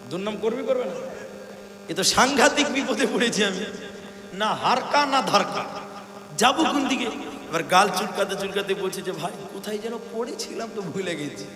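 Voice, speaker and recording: A high-voiced man delivers a sermon, acting out dialogue as he tells a story and rising to shouts. His voice is bright and cutting. It rings with a long hall reverb over a faint hum. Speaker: Islamic preacher. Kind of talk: sermon at a religious gathering.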